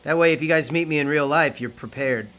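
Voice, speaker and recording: A man's voice: on the high side, fast talker, a bit bright. A man from Oklahoma with an Okie accent, chatting casually and jokingly as a self-deprecating live stream host. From Oklahoma, United States. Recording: faint hiss behind the voice.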